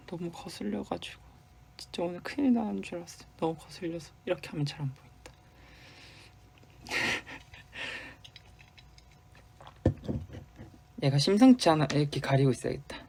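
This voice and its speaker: Fairly high-pitched and gravelly, this young Busan man speaks at a measured pace with frequent pauses, animated, over slight background noise. An idol on a fan livestream, he answers comments in a light Busan Gyeongsang accent, chatty and playful, sometimes sinking into soft murmurs.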